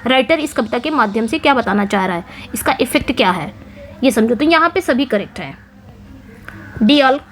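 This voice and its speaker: A woman teaching an English exam-prep lesson, explaining answers step by step and reading English phrases slowly. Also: high voice, a bit bright, slight background noise.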